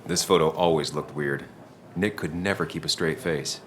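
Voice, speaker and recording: Very deep, dry-voiced man. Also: normal speed, a little hiss or hum. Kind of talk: video game dialogue. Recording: long reverb with game music behind.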